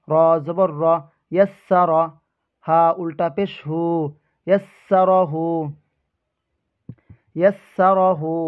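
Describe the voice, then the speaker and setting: Male Quran reading teacher, slow and drawn-out, raised voice, tinny phone-like recording. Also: fairly high pitch. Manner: slow, drawn-out recitation of each syllable, repeated. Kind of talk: spelling out Arabic syllables for learners.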